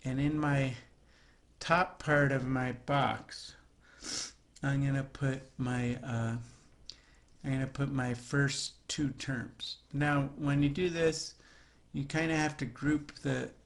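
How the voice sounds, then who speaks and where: Guy teaching math slow, gravelly voice, kinda chatty and jokey w the class. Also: mid-range voice, flat delivery. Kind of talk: recorded math lesson.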